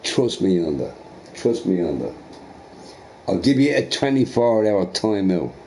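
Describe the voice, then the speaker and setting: Brief: male streamer, slow, mocking rant, voice leaps high then drops to a mutter, lots of repetition. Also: big pitch swings, mellow, slight background noise. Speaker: live streamer. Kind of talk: angry rant at a chat viewer.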